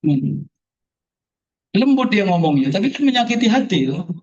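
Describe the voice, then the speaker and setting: A man's voice: sits high, sing-song, moderate pace. A man preaching a sermon to a gathering, joking and firing rhetorical questions at the audience. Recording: distant, dull hall recording.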